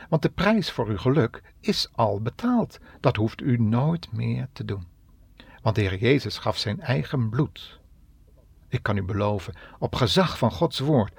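A man's voice: medium pitch, vocal fry, breathy edge, dry recording. A man giving a devotional radio message in an earnest tone, speaking directly to the listener. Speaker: radio preacher.

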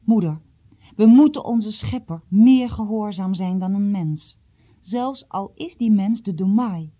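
An earnest, troubled schoolboy from a storybook pleads and stammers in a lifted, higher voice, as a woman reads him. The tone stays dark and husky underneath. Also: a little slow, natural voice.

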